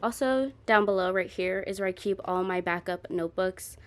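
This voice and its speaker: Speaking at a moderate pace in a medium-pitched voice, a young woman vlogs a room tour for her audience. The lifestyle vlogger keeps things casual and chatty, addressing viewers directly as "you guys."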